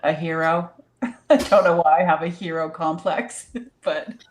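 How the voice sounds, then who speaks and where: Low-voiced rambling woman in discussion. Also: fairly even intonation, a little slow, a little hiss or hum. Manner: warm, rambling, many fillers, laughs often. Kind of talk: casual spiritual discussion.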